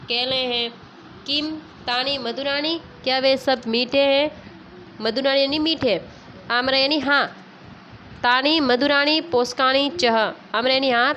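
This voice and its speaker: Slow, patient woman teacher with a high voice. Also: fairly bright tone. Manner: slow, patient, spells out sounds one by one. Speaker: school teacher. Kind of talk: classroom lesson explaining vocabulary. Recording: dull lo-fi recording with faint noise.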